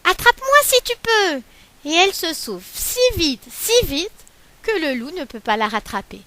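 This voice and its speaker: Lively sing-song woman storyteller. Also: high-pitched, moderate pace, no echo. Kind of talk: expressive children's story reading.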